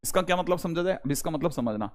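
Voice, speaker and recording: A young adult male math teacher with a somewhat high-pitched voice, giving an online lecture. He talks emphatically and keeps repeating key points, coaxing his students to note them down. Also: animated, fast talker.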